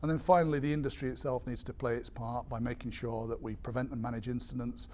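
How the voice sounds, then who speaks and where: A man giving an explanatory briefing as an industry spokesperson, measured but hesitant, with frequent ums and repeated words. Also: mid-range voice, little pitch movement, darkish tone. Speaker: airline industry association spokesperson.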